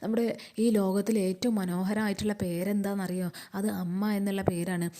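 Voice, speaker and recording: A woman voicing a gentle, grieving young female teacher who talks slowly and softly to children. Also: mid-range voice, level tone, lightly acted. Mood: tender, tearful.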